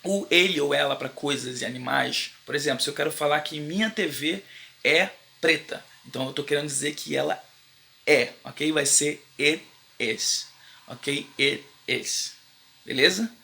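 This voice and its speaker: Gravelly, bright Brazilian teacher man. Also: fairly high pitch. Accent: Brazilian Portuguese. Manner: slow, drawn-out repetition of English phrases for learners; informal, slangy Brazilian Portuguese with frequent "beleza?" check-ins. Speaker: English teacher. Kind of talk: casual online English lesson.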